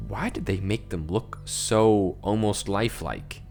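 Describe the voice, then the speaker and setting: A man's voice: fairly low pitch, unhurried, a little mellow. A young man hosting a casual reaction video, rambling and easily creeped out, often laughing, with faint music behind him.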